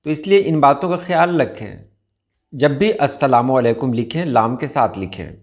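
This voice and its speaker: A man teaching correct Urdu pronunciation, repeating each word slowly and carefully. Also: mid-range voice, expressive. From India. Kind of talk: pronunciation lesson.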